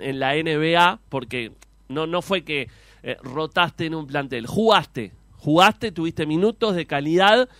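A Uruguayan man interviews in an informal, conversational sports-show style. His voice is fairly high and very clear, with a dry, close sound. His questions wind along in several parts. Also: a bit bright, dry recording.

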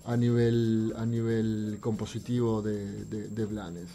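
This interview guest is a visual artist from Uruguay who grew up in France, Venezuela and Argentina, and he speaks with a Uruguayan accent. Middle-aged, with a lowish, dark voice and a level tone, he gives explanatory answers haltingly, repeating words as he reaches for what comes next. He drifts off mic over faint background noise.

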